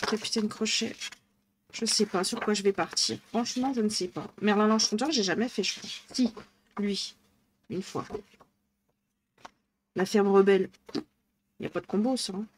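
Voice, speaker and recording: A woman's voice: mid-range voice, normal speed, long pauses, a little hiss or hum. A woman with a northern French accent streaming live, chatting casually and thinking aloud as she colours, laughing often. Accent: northern French (ch'ti).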